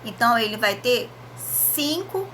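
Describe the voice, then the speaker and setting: A woman's voice: a little high, sing-song, a little slow, fairly bright tone, slight background noise. A Brazilian woman teacher giving a recorded video lesson, spelling out letters and checking in with frequent tag questions.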